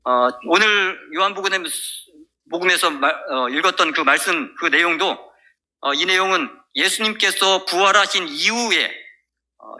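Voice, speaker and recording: Man, pastor, sermon, storytelling, bright forceful tone, high-ish pitch. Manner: storytelling with many fillers and restarts. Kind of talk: sermon retelling a Bible story.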